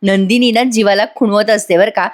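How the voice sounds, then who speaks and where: A woman's voice: mid-range voice, steady tone, brisk. A woman giving a chatty voice-over review of a TV serial episode, talking straight to her viewers. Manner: chatty, addresses viewers, laughs often.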